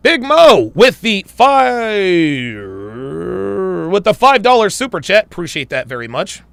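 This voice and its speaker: Here a male livestream host reads viewer super chats at a measured pace, his high, creaky, fairly bright voice swinging widely in pitch. He laughs often with a wry tone, and there's some strain since his voice is going. No echo is present.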